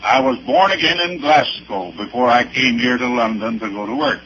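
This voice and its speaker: Speaking deliberately and with emphasis, an American pastor from Arkansas, aged 70s or older, shares anecdotes in a preached testimony, spelling out dates and places. His voice is creaky, medium in pitch and a bit bright. Faint noise runs under the dull old recording.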